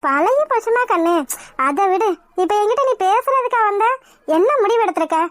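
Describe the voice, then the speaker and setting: A woman's voice: very high-pitched, lively intonation, normal speed, no room sound, studio quality. A woman voicing a scheming, cruel middle-aged mother-in-law in a cartoon, mocking and coolly threatening. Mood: menacing. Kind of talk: Tamil cartoon voice acting.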